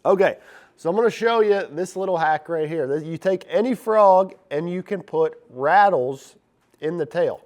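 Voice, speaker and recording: A man hosting a fishing channel, talking to viewers in a casual, upbeat way. His voice is raspy and stuffed up from congestion. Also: sits high, moderate pace, darkish tone. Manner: upbeat, chatty, talks straight to viewers. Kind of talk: casual instructional vlog.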